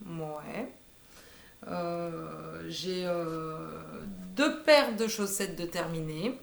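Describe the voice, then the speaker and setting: A knitting vlogger in her thirties, speaking extremely slowly in a lowish voice with vocal fry, chats casually about her projects. She's hesitant and uses plenty of "euh" fillers, and the room is echoey.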